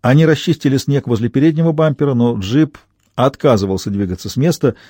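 Expressive male audiobook narrator, dark tone. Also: medium pitch, fast, dry recording, clean studio sound. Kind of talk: scripted narration.

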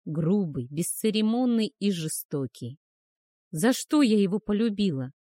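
A woman narrating a first-person romance audiobook in a soft, measured, emotional way. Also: mid-range voice, animated, no echo, studio quality.

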